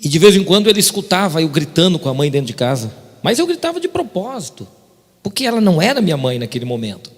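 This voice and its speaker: A man's voice: a little high, big pitch swings, quick pace, husky. A male pastor preaching an emphatic testimony sermon, often turning to address the congregation. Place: church sanctuary. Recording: reverberant church hall.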